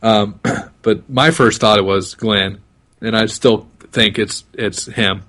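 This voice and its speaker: A laid-back man with a fairly low voice co-hosting a podcast. He laughs along easily and answers with short, easy agreements. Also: fairly even intonation, slow, a bit bright. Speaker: podcast co-host. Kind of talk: casual podcast chat.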